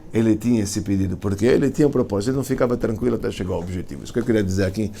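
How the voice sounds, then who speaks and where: Brief: rabbi, gravelly voice, casual colloquial storytelling, some faint noise behind. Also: male voice, fairly low pitch, very fast. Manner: animated, colloquial, with slang and restarts. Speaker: rabbi teaching a class.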